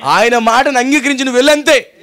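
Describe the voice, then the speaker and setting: High-voiced Telugu-accented pastor preaching. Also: male voice, fast, crowd noise. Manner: preaching with rhetorical questions and call-and-response. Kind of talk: sermon.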